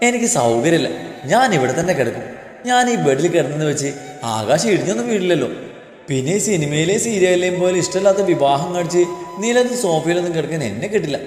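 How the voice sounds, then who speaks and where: A man voicing a feisty, sharp-tongued young bride in a storybook reading, answering back with defiant, mocking retorts. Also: on the high side, expressive, fast, lightly acted. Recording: echoey room with long reverb, faint music.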